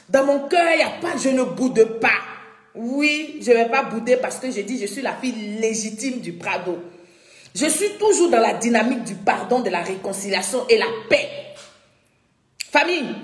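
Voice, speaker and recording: A woman hosting a live stream, chatting effusively with viewers and breaking into chanted refrains. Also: fairly high pitch. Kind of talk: casual live-stream chat greeting viewers. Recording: roomy echo with faint music behind.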